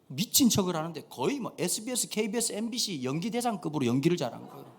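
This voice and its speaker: A man's voice: high voice, creaky, slightly rough. A man in his thirties preaching a humorous sermon in a church, telling stories and acting out the dialogue. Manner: animated storytelling, acts out dialogue. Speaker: pastor. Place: church sanctuary.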